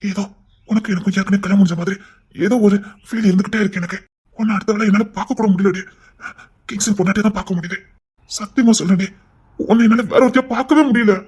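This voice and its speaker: Man acting young husband, audio drama, possessive, insistent, tender, fast talking, husky. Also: darkish tone. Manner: insistent and commanding, turning low and tender.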